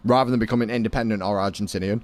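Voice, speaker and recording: A British man chats to his live viewers while he plays, his voice sitting a little low. He rambles from one thought to the next, blunt and offhand, and swears freely. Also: fairly even intonation, racing. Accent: British English. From Britain. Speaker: game streamer. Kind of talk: casual chat with live viewers.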